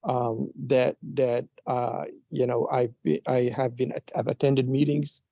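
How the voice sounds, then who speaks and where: A man from Somalia speaking up at a community meeting, earnest and halting with many restarts. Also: mid-range voice, flat delivery, creaky, mellow, no echo. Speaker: audience member. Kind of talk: casual remarks at a meeting.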